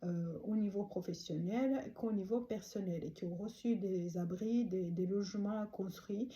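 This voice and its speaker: A woman from Rwanda delivers a prayer and prophetic address in a very dark, mellow voice. She talks haltingly, with many pauses and fillers, yet stays earnest and pleading throughout. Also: medium pitch, lo-fi sound. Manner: halting, with frequent hesitations and fillers. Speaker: speaker delivering a prophetic message.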